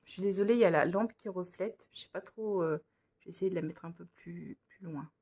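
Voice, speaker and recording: A woman's voice: on the low side, brisk, warm tone, husky. A woman presenting cross-stitch patterns in a casual vlog, talking hesitantly with many fillers and restarts, indoors under a lamp. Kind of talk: casual show-and-tell vlog.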